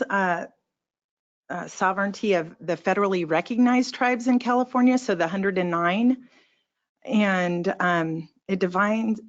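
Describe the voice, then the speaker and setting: A woman presents policy to staff, pausing often on "um" and "uh." Her voice sits a little low. The sound is dull and lo-fi. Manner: hesitant, with frequent "um" and "uh". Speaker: presenter at a government training. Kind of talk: explanatory training presentation. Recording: dull lo-fi recording.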